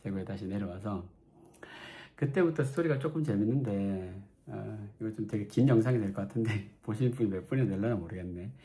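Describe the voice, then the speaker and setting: A man's voice: on the low side, fast, hardly any pauses, warm tone. A man from Daegu with a Gyeongsang accent, chattily telling his own story as a channel host, with self-mocking asides. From Daegu, South Korea. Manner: chatty, self-mocking, acts out quoted lines. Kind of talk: storytelling vlog.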